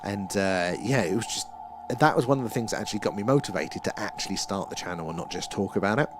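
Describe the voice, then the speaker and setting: A man with an Essex accent talks in a low-pitched voice over clearly audible music. He hosts a livestream in a casual, chatty style, rambling along and poking fun at himself as he replies to viewers. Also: lively intonation, fast talker. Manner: rambling, self-deprecating. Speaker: livestream host. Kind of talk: casual livestream chat, answering viewers' comments. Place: small room at home.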